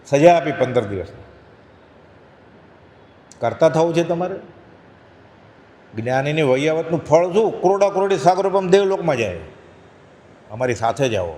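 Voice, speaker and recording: A man's voice: on the high side, lively intonation, normal speed, long pauses, a little mellow. A man giving a spiritual discourse, telling a parable and acting out its characters' voices. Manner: acts out voices of the lions in the parable. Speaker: spiritual speaker. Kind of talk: devotional discourse with storytelling. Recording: long hall reverb.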